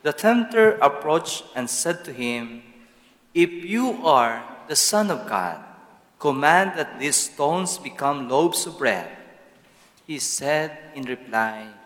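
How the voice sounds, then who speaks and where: A man, a priest, proclaiming a gospel reading in slow, measured tones, with a long cathedral echo around him. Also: a little high, animated, a bit bright. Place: large church. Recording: long church hall reverb.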